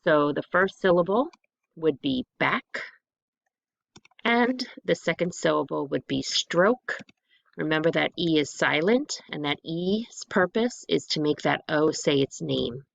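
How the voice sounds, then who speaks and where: A woman's voice: low-pitched, expressive, a little slow, creaky, no echo, lo-fi sound. A woman reading teacher giving a patient, methodical phonics lesson, repeating her questions step by step for learners.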